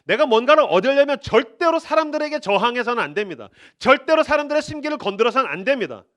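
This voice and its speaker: High-voiced, animated male preacher. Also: quick pace. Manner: emphatic, acts out quotes. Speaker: pastor. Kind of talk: sermon.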